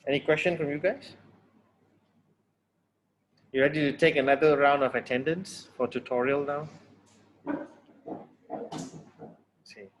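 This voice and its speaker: A man's voice: on the high side, fairly even intonation, a little slow, long pauses, slight background noise, poor audio. A man from Malaysia giving a blunt, casual tutorial lecture over a video call. He restarts phrases often and repeats himself.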